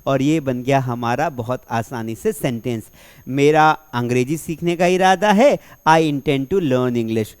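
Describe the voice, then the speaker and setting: A man with a smooth, medium-pitched voice energetically teaches spoken English in Hindi. In classroom style, he slowly dictates example sentences, poses rhetorical questions and repeats the answers.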